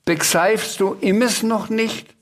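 A man putting on a fretful little blue dragon from a children's storybook, its voice lifted high and drawn out slowly. It swaps every R for an S and sounds plaintive and earnest. It speaks with worried care. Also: fairly even intonation, fairly bright tone, full character voice. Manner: slow, raised, plaintive.

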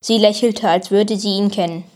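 A woman's voice: mid-range voice, steady tone, moderate pace, darkish tone. A woman reading a children's book aloud plainly, with hesitant asides. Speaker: reader.

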